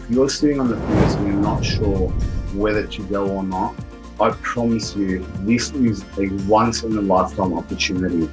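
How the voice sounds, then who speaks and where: A man's voice: lowish voice, moderate pace, music in the background, low-quality recording. A middle-aged man giving a heartfelt personal testimonial about a seminar, telling a family story earnestly. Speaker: event attendee giving a testimonial.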